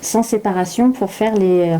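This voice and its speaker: Mellow-voiced woman explaining patiently. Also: mid-range voice, steady tone, moderate pace. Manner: warm, hesitant with many fillers and restarts. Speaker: guest, child development specialist. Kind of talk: explanatory interview talk.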